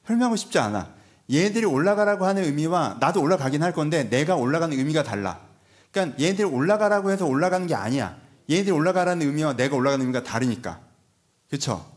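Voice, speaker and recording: A man preaching a Sunday sermon in a church, conversational and animated, slipping into playful voiced asides. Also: a little high, fast. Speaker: pastor. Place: church sanctuary.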